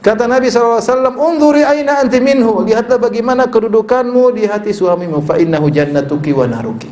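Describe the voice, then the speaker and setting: A middle-aged male preacher giving a sermon with a slightly high voice. He talks casually and cracks jokes, then rises into forceful, emphatic appeals to his listeners. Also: very fast. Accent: Indonesian. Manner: conversational, joking, swings to emphatic exhortation. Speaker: Islamic preacher. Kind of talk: sermon with humorous asides.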